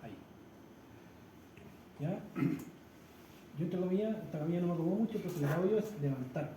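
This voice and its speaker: A man's voice: high-pitched, fairly quick. A man instructor, leading a hands-on practical class demonstration and explaining step by step while checking in with his students. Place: practice room with a treatment table. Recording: echoey room with loud background noise.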